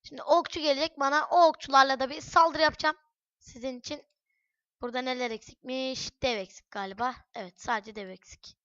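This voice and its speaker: A woman giving chatty let's-play commentary on a headset mic at home, cursing and breaking into loud shouts. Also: high-pitched, fairly even intonation, fairly quick, dry recording, dull audio. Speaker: gaming channel host. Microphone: headset microphone.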